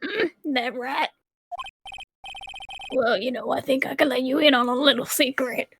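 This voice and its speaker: A woman's voice: high-pitched, fairly even intonation, normal speed, vocal fry, a bit bright, slight background noise, pitched below the performer's own voice. Doddering old rascal for a game, played by a woman: grumbly, mumbling, sly. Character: doddering lecherous old man posing as hospital director. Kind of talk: video game role read aloud.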